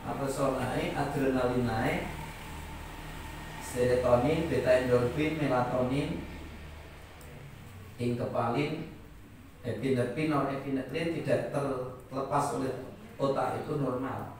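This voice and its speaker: A middle-aged man with a Javanese accent giving a humorous sermon in a lively, joking way. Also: medium pitch, slow pace, pauses often. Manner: lively, joking, laughs often, acts out quotes. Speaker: preacher and lecturer. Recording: echoey hall, distant mic, faint noise.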